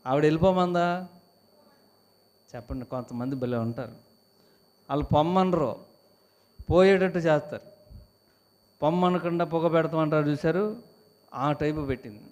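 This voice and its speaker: A man's voice: on the high side, moderate pace, long pauses, a little mellow. A man with a Telugu accent, a pastor preaching an emphatic sermon and calling on the congregation to answer.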